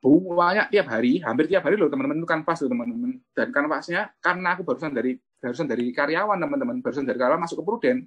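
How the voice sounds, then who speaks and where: A man's voice: fairly high pitch, racing, few pauses, slightly rough, highs cut off. A man, an insurance agent giving a chatty motivational talk about his own experience and often addressing his listeners as friends.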